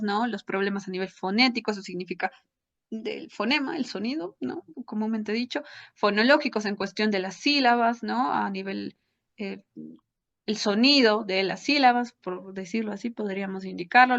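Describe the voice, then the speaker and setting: A woman's voice: medium pitch, a bit bright. A woman lecturing, explaining step by step and checking in with her audience through short tag questions. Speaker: psychology lecturer. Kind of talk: academic lecture. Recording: dull lo-fi audio.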